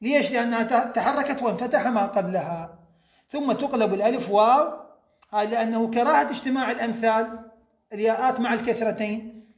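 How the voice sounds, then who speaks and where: A man teaching a grammar lesson, explaining step by step, repeating key points and slowing down to spell out each example. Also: very high voice, reverberant.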